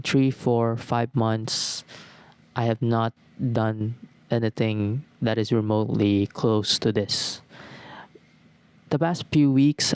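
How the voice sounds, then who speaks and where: A man's voice: mid-range voice, darkish tone, smooth, no room sound. A young man in his twenties hosting a podcast alone, talking reflectively and repeating phrases in lists as he thinks aloud. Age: 20s. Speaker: podcast host. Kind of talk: reflective solo talk.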